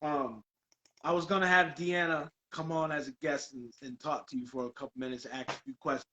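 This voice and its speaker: A middle-aged man hosting a casual interview over a video call, excitable, exclaiming and repeating himself. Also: a little high, fairly quick, low-quality recording. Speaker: podcast host.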